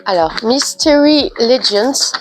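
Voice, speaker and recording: A woman's voice: on the high side, expressive, slow, faint music behind. A woman with a cold and a stuffy, nasal voice, chatting casually through an unboxing with frequent hesitant fillers. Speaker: unboxing vlogger.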